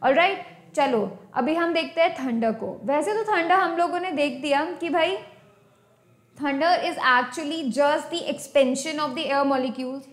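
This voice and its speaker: A woman's voice: high voice, slow pace, roomy sound. A woman with an Indian accent, teaching a science lesson and mixing Hindi and English, often checking in with the class. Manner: mixes Hindi and English, checks in with "right?" and "thik hai?". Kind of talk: online class lecture.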